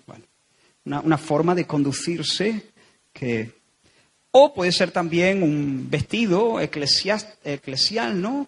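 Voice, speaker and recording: A man's voice: a little high, creaky, breathy edge. A man with a Spanish accent from Spain, preaching a sermon as a pastor, earnest and emphatic, repeating phrases for stress.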